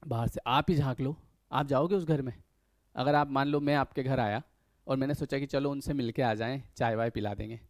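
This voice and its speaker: A man's voice: mid-range voice, steady tone, brisk, dry recording. A man giving a conversational motivational spiritual talk, earnest, full of rhetorical questions and little acted-out quotes.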